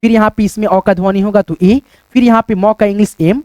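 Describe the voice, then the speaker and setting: A man teaching a whiteboard lesson, spelling out letters slowly and checking in with listeners, sweating as he works. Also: sits high, fairly even intonation, dark tone, no echo, highs cut off. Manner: repeats "friends" and tag questions, spells out letters slowly.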